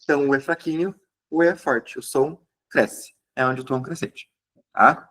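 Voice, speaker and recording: A man's voice: on the high side, normal speed, a bit bright. A male teacher, giving an exam review lesson and checking in with listeners as he explains. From southern Brazil.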